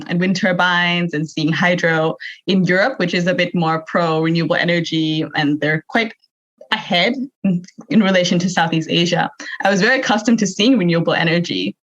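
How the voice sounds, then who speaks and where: Young woman, low dull recording. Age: young adult. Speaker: podcast guest, youth energy advocate. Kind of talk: conversational interview answers.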